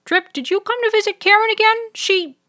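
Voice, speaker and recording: A woman voicing a flustered middle-aged hospital nurse who blurts out hurried, startled lines. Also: mid-range voice, expressive, a bit bright, voice pushed up.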